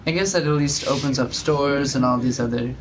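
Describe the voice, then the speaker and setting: A man's voice: mid-range voice, fairly quick. Man casually commentating over noisy game audio. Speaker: let's play host. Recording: game sound behind the voice. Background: game dialogue and ambience.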